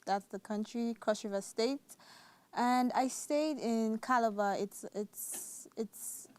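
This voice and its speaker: Young Nigerian-accented woman, student guest, soft and hesitant. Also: on the high side, slow, clean tone. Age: young adult. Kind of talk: casual interview answers.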